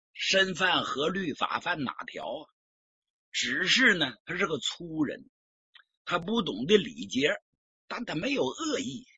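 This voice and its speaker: A man voicing a cautious army officer who reasons softly and deferentially. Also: a little high, breathy edge, no echo, full character voice. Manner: soft, persuasive, deferential. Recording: dull lo-fi recording.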